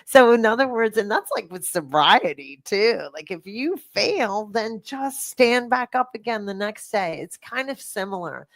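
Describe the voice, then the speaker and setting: A middle-aged woman hosting a fitness podcast, talking in a rambling, animated way with lots of fillers and restarts. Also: mid-range voice, measured pace, hardly any pauses, dry recording. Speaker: fitness coach and podcast host. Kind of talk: casual podcast chat.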